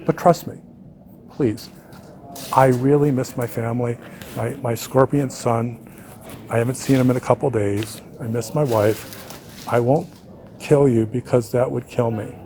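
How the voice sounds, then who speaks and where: A man's voice: mid-range voice, steady tone, unhurried, long pauses, dark tone, a little hiss or hum, close to an everyday voice. A man voicing a pleading male scorpion who begs a frog for a ride in a spoken fable.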